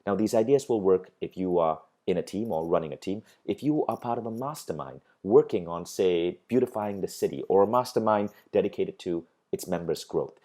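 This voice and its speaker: Speaking a little fast with few pauses, this middle-aged man from Malaysia has a low, warm, animated voice. He teaches a recorded online course, giving an earnest motivational lecture and circling back on phrases as his argument builds.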